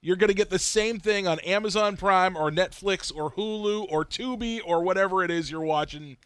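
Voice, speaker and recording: A man co-hosting a casual racing podcast, an animated storyteller who acts out quotes. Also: high-pitched, normal speed, clear, resonant tone, no echo. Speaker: podcast co-host. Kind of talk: casual chat.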